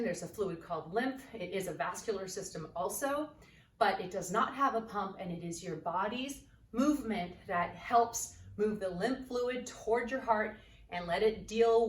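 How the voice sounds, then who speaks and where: A woman yoga instructor leading an exercise lesson, energetic and coaxing, out of breath as she bounces on a trampoline while she talks. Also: mid-range voice, slight background noise. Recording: roomy, distant camera mic, faint ambience.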